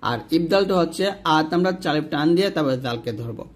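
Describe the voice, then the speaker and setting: A man teaching the rules of Quran recitation in a fairly high voice, walking through a book page by page. He points out examples as he goes and slowly draws out and chants each example word. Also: lively intonation. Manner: slow drawn-out chanting of example words; points at the page while explaining. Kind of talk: explaining tajweed rules from a book.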